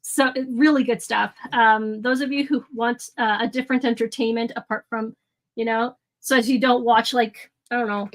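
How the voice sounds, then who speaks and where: Over soft background music in a home room, a woman with a fairly high voice talks at a moderate pace with fairly even intonation. She's hosting an art livestream, casually chatting with the live chat, rambling with plenty of ums and restarts and laughing easily.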